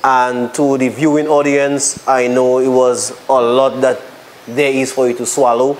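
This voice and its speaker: A man's voice: mid-range voice, flat delivery, measured pace, a little hiss or hum, low-quality recording. A man with a Dominican accent leading a panel discussion, earnest and stumbling over words as he makes his points. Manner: earnest, restarts often. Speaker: panel moderator.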